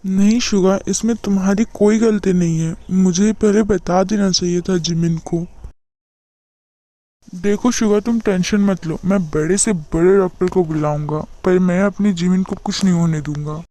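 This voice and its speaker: A woman's voice: lowish voice, fairly even intonation, moderate pace, dark tone, no room sound, lightly acted. A young woman voicing a worried middle-aged father in an amateur fan dub, speaking in a soothing, earnest way. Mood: reassuring.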